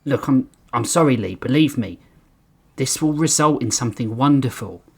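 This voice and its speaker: A man's voice: medium pitch, expressive, moderate pace, vocal fry, a little mellow, slightly rough. A man voicing a weary male boss who is curt but apologetic.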